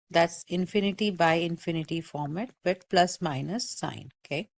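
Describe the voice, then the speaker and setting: A woman math teacher giving a recorded calculus lecture, explaining step by step and often checking in with "okay?". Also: lowish voice. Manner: patient, repeats warnings, checks in with "okay?".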